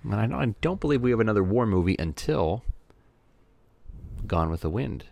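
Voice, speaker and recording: A man with a very low voice talks casually as a podcast co-host. He often stumbles and repeats a word before getting going. The recording is dry and close. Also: expressive, brisk, creaky, a little mellow, dry recording. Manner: hesitant, repeats words when starting. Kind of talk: casual film discussion. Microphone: headphones and podcast mic.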